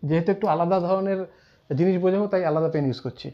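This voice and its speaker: English teacher guy, fairly high voice, dull lo-fi sound, repeats stuff slowly. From India. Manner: explains slowly, repeats terms, quotes example sentences. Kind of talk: classroom grammar lesson.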